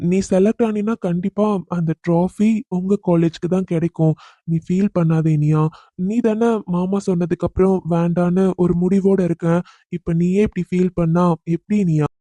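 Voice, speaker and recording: A man voicing a caring young man in a cartoon who teases his cousin but comforts her gently. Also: high-pitched, no echo, lightly acted. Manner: teasing yet protective, talks gently to calm her. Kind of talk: cartoon voice acting.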